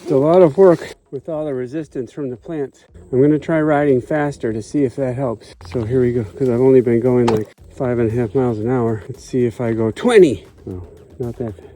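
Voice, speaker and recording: A bikepacking vlogger casually narrates his solo ride through swampy forest trails, talking to the camera and at times breathless from effort. His mid-range voice is steady, brisk, and dark, and the low-quality recording has music playing underneath.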